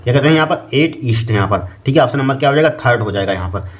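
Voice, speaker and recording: A man walks students through an exam paper, forever asking his own questions and then answering them. His voice is mid-pitched and conversational. He slows right down to read the English questions word by word. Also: lively intonation. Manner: repeats "here" and "okay" constantly, asks and answers his own questions. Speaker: teacher. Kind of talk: exam-prep lesson, solving a paper.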